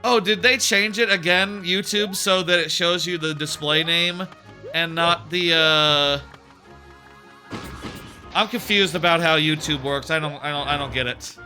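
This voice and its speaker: With game music in the background, a man gives casual, rambling gameplay commentary full of fillers. His voice sits on the high side and comes across pushed and bright, with fairly even intonation and a measured pace. He's a little sniffly and seems to have a sore throat.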